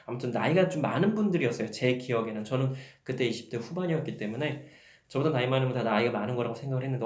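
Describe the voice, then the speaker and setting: A man preaching a sermon as pastor, telling a candid personal story and rising into emphatic questions. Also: mid-range voice. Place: church sanctuary. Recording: roomy church echo.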